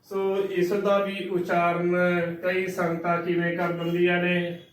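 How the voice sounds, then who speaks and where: A man teaches scripture pronunciation letter by letter, slow and patient. His voice sits high for a man and stays fairly even. The room is roomy and he sounds a little off the mic. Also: recorded from a distance. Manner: slow, careful, spells out each letter and sound. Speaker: Sikh religious teacher.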